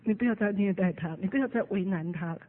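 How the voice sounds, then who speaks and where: Woman giving a sermon, slightly breathy voice, tells stories and jumps up loud for quotes, thin lo-fi radio sound. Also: fast. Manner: acts out quoted speech with sharp jumps in pitch and loudness. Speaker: preacher. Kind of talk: sermon with storytelling. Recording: narrow phone-like radio broadcast.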